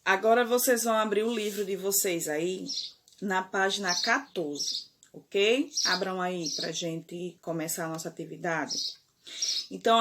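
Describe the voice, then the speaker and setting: Brazilian woman primary teacher, unhurried, drawn-out words, keeps checking the kids follow. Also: mid-range voice, noisy background. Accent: Brazilian Portuguese. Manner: slow, deliberate, stretches key words, frequent "certo?" and "ok?". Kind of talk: remote classroom lesson.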